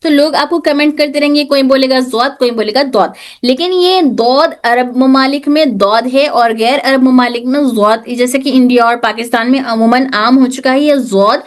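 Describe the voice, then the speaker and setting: Brief: female tajweed teacher, high voice, patient drilling of sounds. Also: hardly any pauses. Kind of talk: online class lesson.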